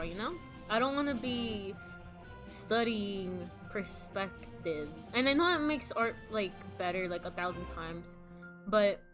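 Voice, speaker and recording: Young woman, fairly high voice, casual livestream chat, rambling, slangy, self-deprecating, faint background music. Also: fairly bright tone. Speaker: live streamer. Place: indoors, solo at a computer on a voice call setup.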